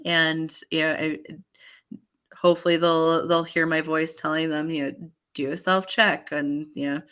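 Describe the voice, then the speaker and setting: Hoarse, chatty low-voiced woman. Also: completely flat delivery, moderate pace, fairly bright tone. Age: 30s. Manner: upbeat, chatty, rambling with restarts. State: hoarse, voice failing. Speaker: guest. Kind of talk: casual chat.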